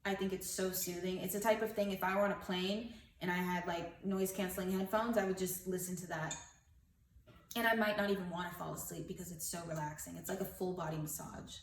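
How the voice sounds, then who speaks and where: A woman talking in casual chat, animated and playful, laughing often. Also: fairly low pitch, brisk. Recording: roomy, distant mic, faint noise.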